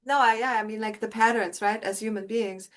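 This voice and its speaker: A woman's voice: medium pitch, steady tone, a little fast. A woman co-hosting an interview, talking in a reassuring, philosophical way about learning from mistakes. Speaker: co-host. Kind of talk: conversational interview talk.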